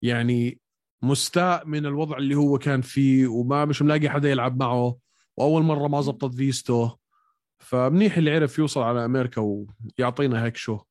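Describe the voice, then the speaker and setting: A man with a Levantine Arabic accent talks quickly in a casual sports chat. He breaks down technique as a co-host, in a mid-pitched voice. The sound is dry, with little room. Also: fairly even intonation, darkish tone, no echo. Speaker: co-host of an MMA podcast.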